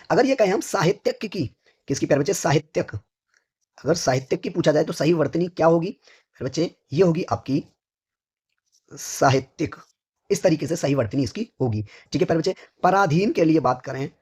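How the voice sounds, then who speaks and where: A hoarse man teaching a vocabulary lesson for exam preparation, who asks each question, answers it himself, and keeps addressing his students fondly. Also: a little high, darkish tone. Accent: North Indian Hindi. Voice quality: husky.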